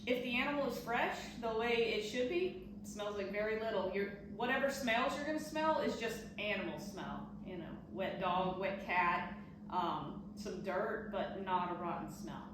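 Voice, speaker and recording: A woman's voice: medium pitch, animated, moderate pace. A woman from the Southern United States giving casual, explanatory answers in an interview. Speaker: taxidermist being interviewed. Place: echoey indoor workshop. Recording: very echoey, distant mic, noisy room.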